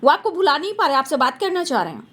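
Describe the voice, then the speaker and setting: A woman's voice: high-pitched, sing-song, fast, fairly bright tone. A woman doing a tarot reading for her viewers, talking emphatically and repeating phrases for stress. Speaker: tarot reader.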